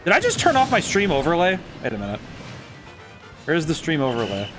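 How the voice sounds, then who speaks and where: Young man, game streamer, chatty and giggly, slightly high voice, faint game music behind. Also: wildly swooping pitch, brisk. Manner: chatty, giggly, self-correcting with frequent laughs. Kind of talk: casual live-stream commentary while playing.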